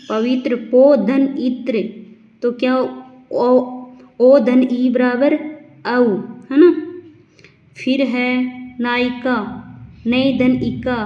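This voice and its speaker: A woman teaching grammar in a slow, step-by-step way, asking questions and then answering them herself. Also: fairly high pitch, darkish tone, roomy sound, poor audio. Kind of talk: classroom explanation.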